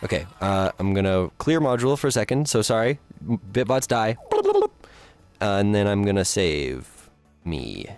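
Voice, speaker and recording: Lively, chatty male streamer. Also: fairly low pitch, normal speed, no room sound. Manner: chatty, thinking aloud, greets viewers. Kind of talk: casual live-stream chat while building.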